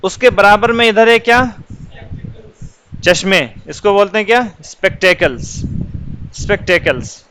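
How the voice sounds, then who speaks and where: A man's voice: sits high, long pauses, pushed and bright, slight background noise, rough recording. A male teacher patiently explaining English words for children, asking questions and answering them himself.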